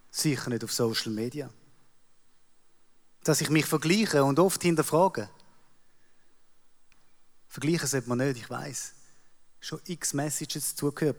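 A Swiss man around forty with a Swiss German accent, giving a theatrical sermon monologue that moves from ironic self-mockery to quiet confession. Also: medium pitch. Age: 40s. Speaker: church staff member speaking on stage. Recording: long hall reverb.

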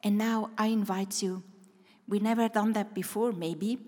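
A middle-aged or older woman preaching a devotional sermon, deliberately repeating phrases for emphasis and guiding listeners through exercises. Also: medium pitch, fairly even intonation, darkish tone. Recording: reverberant hall.

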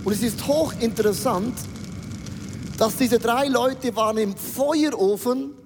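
An emphatic male preacher in full sermon mode, rallying his audience and tossing in English catchphrases. His voice sits very high for a man. The sound rings with the long reverb of a large hall. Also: a little slow, darkish tone, faint music behind. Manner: emphatic, rousing, calls for the audience to answer.

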